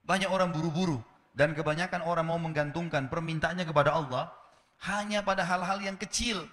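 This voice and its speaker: A man's voice: brisk, long reverb tail. A man preaching a sermon, telling a story with acted-out dialogue and asking the listeners rhetorical questions. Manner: animated storytelling, acting out dialogue with rising pitch.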